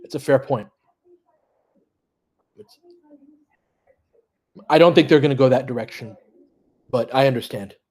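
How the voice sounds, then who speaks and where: A mid-range, slightly rough and somewhat mellow male voice comes through a little slowly, with long pauses. The man hosts a fan audio play-by-play stream, casually talking basketball with listeners and analysing the live action. He's conversational and analytical, mildly swearing now and then.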